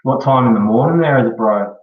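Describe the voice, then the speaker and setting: A man's voice: medium pitch, brisk. Echoey, distant, laid-back Australian guy. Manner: laid-back slangy talk, often ending on "eh" and "bro". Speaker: live streamer. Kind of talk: casual live stream chat. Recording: dull echoey room, far from mic.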